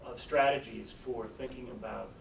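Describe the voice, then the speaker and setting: A man's voice comes from off the mic in a roomy space, with clear noise behind it. He explains his research as a doctoral candidate, informally and tentatively, often rewording his thoughts as he goes. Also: mid-range voice, steady tone, normal speed. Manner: hesitant, tentative, circles through rephrasings. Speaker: doctoral candidate defending a dissertation. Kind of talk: informal academic presentation and discussion. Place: echoey room, recorded from a distance. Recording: roomy, distant mic with loud background noise.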